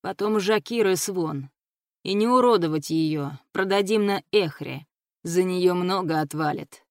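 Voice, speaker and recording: A woman reading the part of a crude, domineering male pirate captain in an audiobook, speaking slowly and heavily. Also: lowish voice, no echo, studio quality. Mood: commanding.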